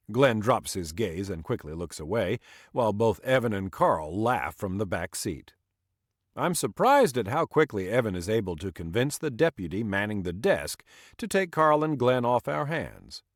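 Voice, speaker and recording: Lively low-voiced man reading an audiobook. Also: no room sound, studio quality. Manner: reads dialogue with small voice shifts per character. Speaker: audiobook narrator. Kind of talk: scripted audiobook narration.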